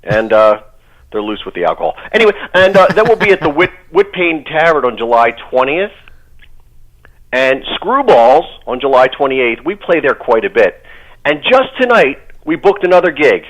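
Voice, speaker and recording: Animated joking man on radio. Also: mid-range voice, normal speed, rough recording. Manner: jokey, animated, plugging gigs. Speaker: band member and guest. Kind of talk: casual radio chat. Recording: radio broadcast.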